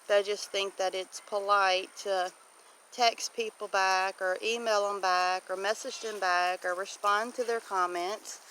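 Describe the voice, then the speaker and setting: Recording her homestead vlog on a camera microphone, a Southern US woman walks and talks outdoors in a casual, folksy manner. Her voice is mid-range and the audio is poor, full of wind and ambient noise.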